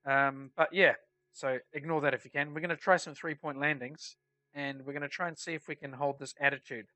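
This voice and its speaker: Congested and nasal from a head cold, a flight sim player talks through a tutorial with casual explanations while playing. He speaks fast, a little high, bright, and forceful with a steady tone, in a dry recording.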